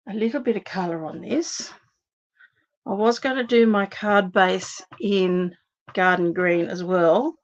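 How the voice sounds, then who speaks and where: Through dull audio, a medium-pitched woman's voice is heard: an Australian host running a casual live card-making demo and talking through her thoughts with viewers as she works. She's slightly losing her voice, so it sounds a little worn.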